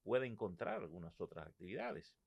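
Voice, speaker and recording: Dominican guy with caribbean spanish accent interviewing, lowish creaky voice, super dry sound. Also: huge pitch swings, fairly quick, darkish tone, no echo, dull audio. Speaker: podcast interviewer. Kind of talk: conversational interview.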